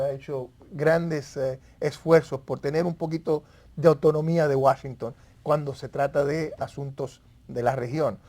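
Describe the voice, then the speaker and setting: Guy w explaining stuff in an interview, kinda halting, repeats words. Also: on the high side, a little mellow. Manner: halting, repeats words while searching for phrasing. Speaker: expert guest. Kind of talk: conversational panel recap in an interview.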